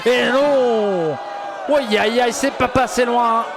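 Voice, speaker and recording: A man doing excited live play-by-play as a wrestling commentator, shouting out moves and stretching words. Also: extremely high pitch, takes it slowly, vocal fry, background noise. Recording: loud music and roaring crowd behind. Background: loud music, cheering crowd at wrestling show.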